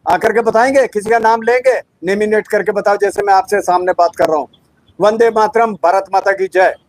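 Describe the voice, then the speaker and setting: A man's voice: high-pitched, moderate pace, low-quality recording. A middle-aged ex-serviceman making an angry, confrontational statement in a protest video. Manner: indignant, confrontational, accusing. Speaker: ex-serviceman activist.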